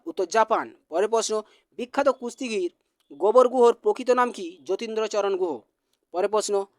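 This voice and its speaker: Guy with a high voice rattling off quiz q's and answers, dry close sound. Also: dry recording. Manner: brisk, repetitive quiz reading. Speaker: teacher. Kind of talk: exam question-and-answer drill.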